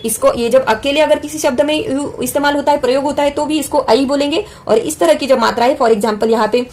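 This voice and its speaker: A woman teacher explaining a lesson patiently, often pausing to say example sounds slowly and clearly. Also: sits high, a little mellow. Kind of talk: classroom-style lesson explanation.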